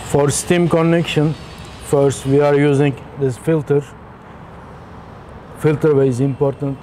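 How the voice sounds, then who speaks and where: A man in his thirties on a factory floor, explaining machine installation step by step in halting, simple phrasing. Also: on the high side, steady tone, warm tone, slight background noise. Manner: halting non-native phrasing, slow and step-by-step. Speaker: technician demonstrating machine installation. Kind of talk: instructional walkthrough.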